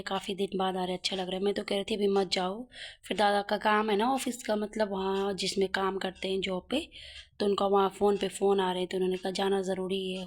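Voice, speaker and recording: Chatty woman retelling a family mishap. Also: mid-range voice. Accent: Uttarakhand Hindi. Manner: chatty, animated retelling with many asides. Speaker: vlogger. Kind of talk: casual storytelling vlog.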